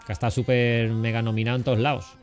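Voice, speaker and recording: A man's voice: mid-range voice, flat delivery, fast. A man in his forties from Cádiz hosting a casual, joking interview, teasing his guest and restarting his sentences often. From Cádiz, Spain. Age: 40s. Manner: banters and teases, many fillers and restarts. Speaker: podcast host. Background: faint background music.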